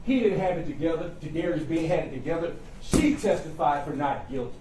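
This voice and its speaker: A man's voice: fairly high pitch, animated, a little fast. A man, a defense attorney, delivering an impassioned closing argument to a jury in a folksy, emphatic way with short repeated phrases. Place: courtroom, recorded from a distance. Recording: roomy echo, distant mic, faint noise.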